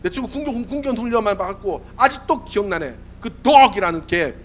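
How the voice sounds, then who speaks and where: In a church sanctuary, a youth pastor in his forties preaches to young people at a fairly quick clip. He keeps asking listeners whether they agree, his delivery lively and questioning, while his high, hoarse, worn voice swings up and down all over.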